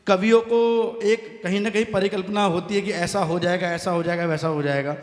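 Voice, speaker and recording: A man with a north Indian Hindi accent performing stand-up comic poetry on stage, punchy and building to loud punchlines. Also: high-pitched, steady tone, moderate pace. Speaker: comic poet. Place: large hall stage at a poets' gathering. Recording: echoey hall with long reverb.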